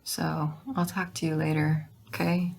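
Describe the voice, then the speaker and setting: A woman chatting casually to viewers in a halting way, her hoarse voice giving out and breaking into whispers. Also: low-pitched, level tone, darkish tone. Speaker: vlogger.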